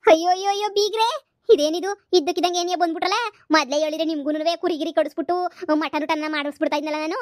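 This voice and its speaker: Woman voicing a high-pitched, wailing mother, begging and scolding, dry close cartoon voice. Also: fairly even intonation, fast, no room sound. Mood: fussing hospitably. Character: loud pleading middle-aged village mother of the bride.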